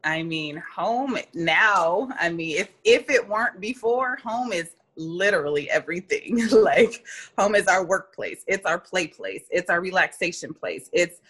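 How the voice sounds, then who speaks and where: A woman guest giving casual relationship advice, talking in quick asides and acting out little lines of dialogue. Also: fairly low pitch, husky. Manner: animated, talks in quick asides with many "like" and "you know" fillers.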